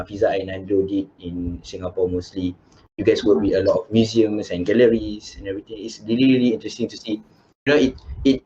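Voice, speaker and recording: A man with a fairly low voice hosts a casual online panel, rambling along with plenty of fillers and restarts. The sound is dull and lo-fi, like a video call, with a faint hiss underneath. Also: warm tone. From Malaysia. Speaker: host.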